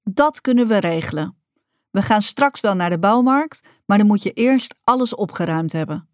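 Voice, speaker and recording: A woman voicing a stern mother in a storybook reading, speaking firmly and with a sharp tone. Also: mid-range voice, animated, moderate pace, no echo, studio quality, lightly acted. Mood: calm. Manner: firm, sharp-toned.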